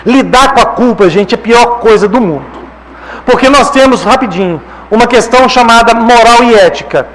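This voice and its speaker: A man's voice: very high voice, normal speed, fairly bright tone, slight background noise, poor audio. A man with a Brazilian Portuguese accent giving a spiritist lecture. He talks in a conversational way, often checking in with "né?" and "tá?". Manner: conversational, frequent rhetorical "né?" and "tá?". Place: lecture hall.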